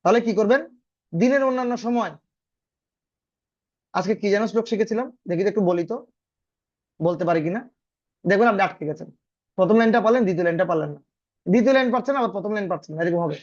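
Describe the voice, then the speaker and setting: Over a video call, a man teaches an online scripture lesson, explaining step by step, often checking in with questions, and slowly chanting verses in a singsong tone. His voice sits high and is a little mellow, and the audio is dull with no room sound.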